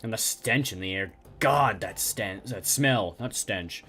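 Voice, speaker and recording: A man voicing a haunted middle-aged male survivor who speaks in a halting, stammering way. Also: fairly low pitch, pushed and bright, soft background music, pitched below the performer's own voice. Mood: shaken.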